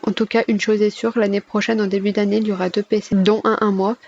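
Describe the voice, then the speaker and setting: A woman's voice: medium pitch, flat delivery, fast talker, a little mellow, lo-fi sound, slight background noise. A woman gives a casual channel update in a chatty, self-correcting way, recorded at home. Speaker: gaming YouTuber. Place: at home, alone.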